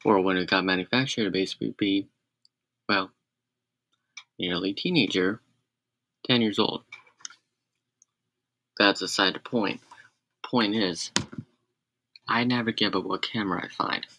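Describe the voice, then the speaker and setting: A man's voice: deep voice, a little slow, pauses often, bright, forceful tone, a little hiss or hum. A man rambling on a casual live stream, correcting himself and adding sarcastic asides.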